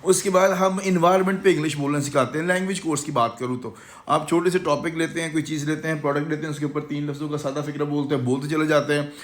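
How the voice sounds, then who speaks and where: In a language institute, an English course instructor with a Pakistani Urdu accent talks fast in a voice on the high side, his intonation fairly even. He's confidently selling the course, slipping English words into his speech.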